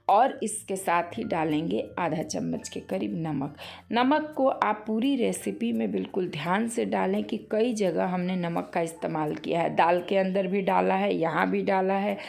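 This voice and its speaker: A middle-aged woman hosts a cooking channel with a strongly gravelly, creaky voice at an ordinary pitch. She explains each step of a recipe in a homely way and speaks straight to her viewers. Faint music plays behind her. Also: a little mellow. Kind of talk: recipe tutorial voice-over.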